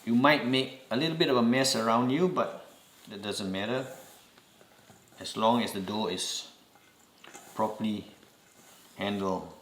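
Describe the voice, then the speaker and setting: A man's voice: fairly low pitch, fairly bright tone, echoey room. A man from Singapore with a Singaporean accent, giving patient step-by-step instructions in a home cooking demonstration. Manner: slow, patient instructions with repeated reminders.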